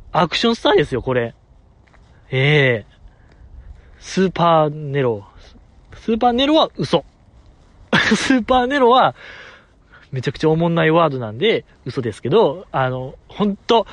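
A man with a fairly high voice talks alone into a close mic, loose and chatty, cracking jokes and poking fun at himself. The sound is dry and close, with no room around it. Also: no echo. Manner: joking, self-mocking, chatty. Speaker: podcast host. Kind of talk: solo casual chat.

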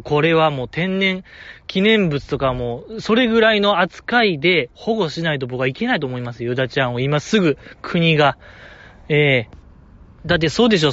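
A man's voice: on the high side, a bit bright, muffled recording. A man with a Kansai accent, talking alone as a fan commentator in a playful, joking, exaggerated way. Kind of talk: casual solo talk.

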